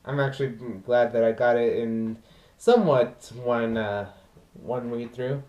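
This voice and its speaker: Halting vlogger rehearsing lines. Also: medium pitch, steady tone, a little mellow. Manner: halting, self-correcting, quick talker. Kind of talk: casual rehearsal vlog. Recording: roomy echo, from mic distance.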